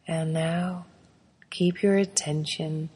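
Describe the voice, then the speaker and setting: A woman leading a guided meditation, giving soft, soothing breathing instructions with long pauses between phrases. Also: sits low, steady tone, slightly rough. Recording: long reverberant echo.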